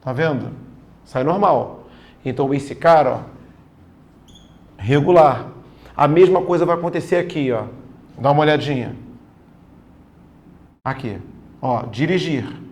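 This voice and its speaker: A man's voice: a little high, a little slow, pauses often, a little mellow. A man teaching a grammar lesson for exam prep in a casual, slangy way, often checking in with his students.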